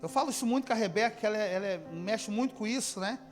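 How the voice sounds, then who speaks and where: A man from preaching a sermon as pastor, calling out to the congregation and swinging from shouting to near-whispering. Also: high-pitched, racing, faint music behind. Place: church service.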